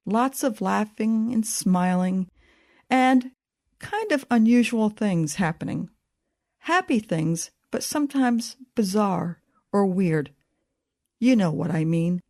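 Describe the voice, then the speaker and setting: A woman in her fifties, a podcast host, reading a scripted personal reflection in a measured, thoughtful way. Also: medium pitch, a little mellow.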